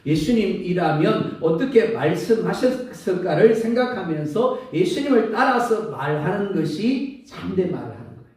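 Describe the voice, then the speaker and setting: A male pastor preaching a sermon with an animated delivery, acting out everyday sayings, his throat a little sore. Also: sits high, normal speed, hardly any pauses. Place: church sanctuary. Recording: echoey church hall from far off.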